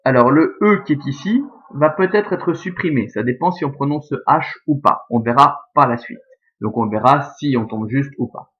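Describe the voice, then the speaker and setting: A man's voice: mid-range voice, normal speed. A male teacher giving a recorded lesson on scanning Latin verse, working methodically step by step and often adding "hein" and "euh". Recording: dull, lo-fi sound.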